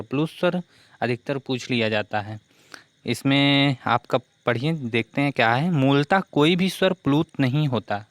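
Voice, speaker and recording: A man's voice: medium pitch, a bit bright, no room sound. A man teaching a grammar lesson for exam preparation who keeps asking questions and answering them himself.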